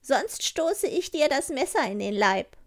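A woman voicing a wild, bossy little robber girl in a storybook, with a brash, loud manner. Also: sits high, big pitch swings, unhurried, pitched above the performer's own voice, heavily acted.

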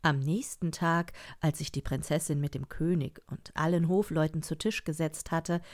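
A woman reading a fairy tale aloud in a calm, deliberate storytelling manner. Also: low voice.

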